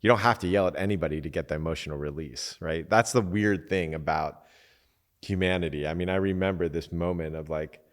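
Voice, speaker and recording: Here the same kind of speaker, a male podcast host and coach, sits low in pitch and moves along fairly quickly, with the sound of a big room around him. His advice is easygoing and honest, peppered with occasional cursing and small acted-out quotes.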